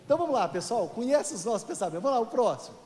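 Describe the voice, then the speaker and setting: Male pastor from Brazil, higher-pitched voice, chatty sermon style with asides to the congregation, echoey church sanctuary. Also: very animated, very fast, a little mellow. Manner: conversational, joking with the congregation; addresses listeners as "querido".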